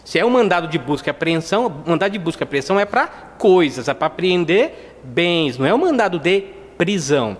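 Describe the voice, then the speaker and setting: A man's voice: on the high side, sing-song, brisk, hardly any pauses. Paulista guy lecturing on defense law, chatty, lots of né, long echoey hall sound. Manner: conversational, many "né?" tags, acts out dialogue. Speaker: criminal defense lawyer lecturing. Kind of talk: lecture with anecdotes.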